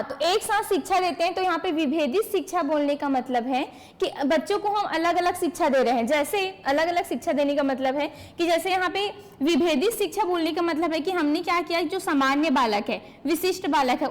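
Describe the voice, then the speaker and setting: Woman, teacher, high voice, exam-prep lecture, asks and answers her own questions, online class. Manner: explains by asking questions and answering them; addresses online students by name.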